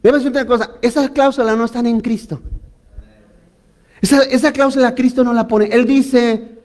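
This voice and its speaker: Man, very high voice, sermon, animated, addresses congregation. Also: normal speed. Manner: animated preaching with frequent audience prompts. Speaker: preacher.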